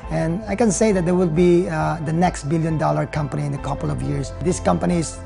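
Seated on a leather couch in his living room, a man in his thirties from the Philippines gives an interview testimonial about going from nurse to network marketer. He has a Filipino accent and a fairly high, gravelly voice with a steady tone. His delivery is earnest and halting, packed with fillers, over soft background music.

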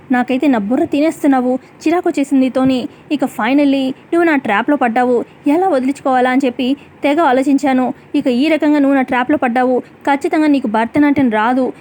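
A woman's voice: sits high, darkish tone, close to an everyday voice. A woman reading lines as a sneering villainous mother-in-law. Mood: gloating. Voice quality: sneering, threatening. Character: scheming spiteful middle-aged mother-in-law villain.

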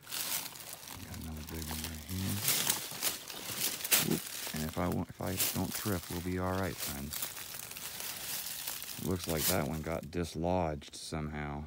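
A man's voice: rumbling low, level tone, slow, vocal fry, pauses often, heavy background noise. A man hosting a hiking vlog, talking in a folksy way to his viewers as friends and walking an overgrown trail, a little out of breath. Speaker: outdoor vlogger host. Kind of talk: casual vlog while hiking.

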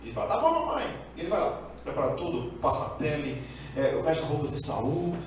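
A man's voice: a little high, fairly quick. A man preaching a sermon as pastor, telling a story with animation and acting out the voices of the characters. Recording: echoey room, speaker far from mic, faint background noise.

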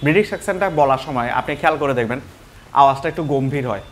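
A man's voice: mid-range voice, fast, slight background noise. A man teaching English pronunciation, switching between Bengali and English and repeating example words.

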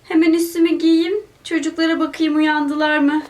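A woman's voice: high-pitched, little pitch movement, normal speed. Tired-sounding woman narrating a toy game. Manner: tired, sighing, scolding. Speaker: game narrator playing the mother.

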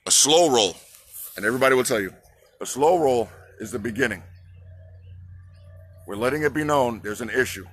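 Rousing bright-voiced man giving a protest speech. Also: mid-range voice, lively intonation, normal speed, long pauses, a little hiss or hum. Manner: rousing, repeats slogans, asks the crowd to answer. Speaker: trucker activist. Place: outdoors on a city sidewalk by a park. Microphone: phone held at arm's length.

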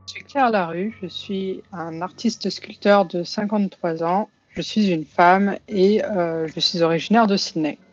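A woman playing a tabletop game over a video call, speaking slowly and carefully. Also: fairly low pitch, muffled recording, soft background music. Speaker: player. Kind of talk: tabletop game role-play.

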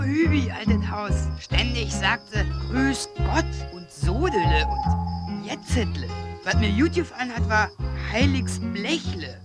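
A woman voicing a brash, slangy little punk boy in a cartoon. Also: a little high. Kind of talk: animated film dialogue.

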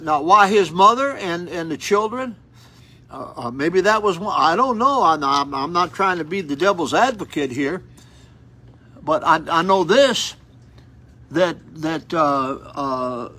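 Eighty-year-old male preacher, seated, high bright voice with a husky edge, fervent delivery. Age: 80s. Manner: fervent, rising to exclamations, repeats words and restarts. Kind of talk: seated sermon, reading and expounding scripture. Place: small indoor room with curtains, seated. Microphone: phone camera at close range.

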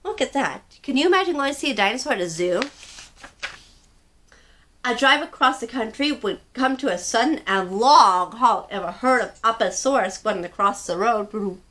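A young woman reads picture books and leads movement games for small children. Her voice sits high and sounds bright and clear. She speaks in a sing-song, encouraging way, as if talking straight to a child. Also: animated, normal speed, a little hiss or hum. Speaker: children's story time host. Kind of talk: leading a kids' movement activity and reading aloud.

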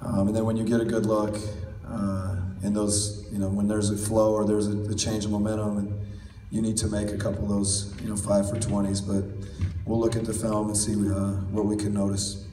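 Coach at a press table, measured and steady, low flat delivery, caught from far back in an echoey room. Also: male voice, soft background music. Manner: measured, steady, many "you know" fillers. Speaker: basketball head coach. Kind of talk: postgame press conference answers. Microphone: table mic, recorded from far in the audience. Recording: roomy, distant, faint hall noise.

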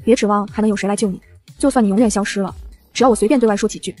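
A woman's voice: mid-range voice, racing, darkish tone, lightly acted. A woman voicing a vicious, scheming middle-aged adoptive mother in a spoken novel, threatening and venomous. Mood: menacing.

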